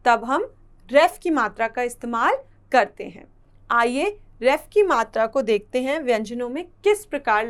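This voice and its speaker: A woman teaching a children's lesson, explaining slowly and carefully and repeating each word. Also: high-pitched.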